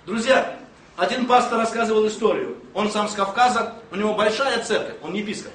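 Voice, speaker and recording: A man preaching a sermon, emphatic and storytelling with humor, bursting into shouts at times. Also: sits high, fairly quick. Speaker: pastor. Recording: echoey room, mic at a distance, faint noise.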